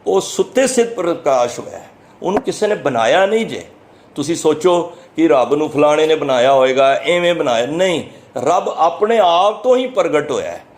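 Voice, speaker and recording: Punjabi guy preaching, kinda high voice, earnest, explains each verse slow. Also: expressive. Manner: earnest, explanatory, chants verses slowly then explains them. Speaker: Sikh preacher giving scripture commentary. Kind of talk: sermon, explaining scripture verse by verse.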